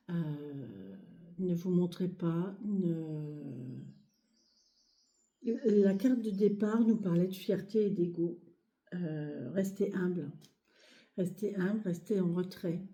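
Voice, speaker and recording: A hoarse, short-of-breath woman speaking softly and hesitantly with many fillers as she reads cards in a casual video. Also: lowish voice, takes it slowly. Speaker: card reader. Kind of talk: casual tarot reading video. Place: home, near a sleeping child, outdoor birds.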